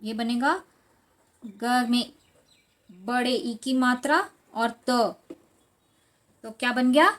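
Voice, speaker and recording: A young adult woman teaching children, slowly spelling words out syllable by syllable in a patient tone. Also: on the high side, steady tone. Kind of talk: slow, patient lesson for children.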